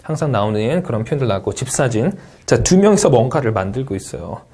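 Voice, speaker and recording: A man teaching a test-prep lecture, calm and encouraging, who repeats English words aloud to drill pronunciation. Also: medium pitch, fast, breathy edge. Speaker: TOEIC Speaking instructor. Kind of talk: video lecture.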